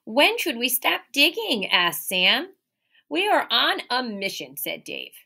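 Reading slowly to young children, this woman's slightly high voice swoops wildly in pitch, with vocal fry and a bright, forceful edge. She's an elementary teacher in her thirties, expressive and quick to emphasize key words and pose questions, seated in a small room by a window during an animated picture-book read-aloud with asides.

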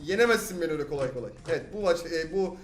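Excitable young Turkish gaming commentator. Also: male voice, a little high, very fast. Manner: excitable, exclaims and repeats himself when frustrated. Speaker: gaming YouTuber. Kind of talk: excited let's-play commentary.

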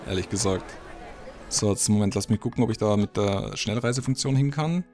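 Guy with a lowish voice doing a lets play, mumbling his thoughts, faint music under it. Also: fairly quick, a little mellow. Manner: thinks aloud, mutters, reacts to the game. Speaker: let's play gamer. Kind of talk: casual gameplay commentary.

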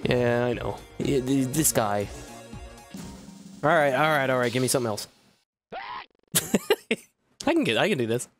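A man's voice: medium pitch, fairly quick, faint music behind. A man streaming a video game live, swearing often and breaking into yelps and laughter as he talks to his viewers. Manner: profane, excitable, bursts into yelps and laughs. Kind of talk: live gaming stream commentary.

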